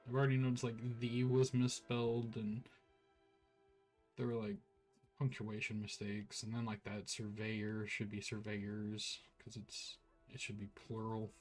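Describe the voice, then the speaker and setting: A man's voice: fairly low pitch, monotone, unhurried, soft background music. A man streaming an online role-playing game, giving laid-back, rambling commentary full of "like" while sounding tired. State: tired, yawning. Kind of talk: casual gameplay commentary.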